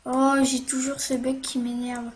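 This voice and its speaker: A woman with a high voice narrates a casual game tutorial while playing. She speaks slowly and hesitantly, full of fillers and quick "hop" sounds as she clicks. A faint hiss sits under her voice. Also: flat delivery.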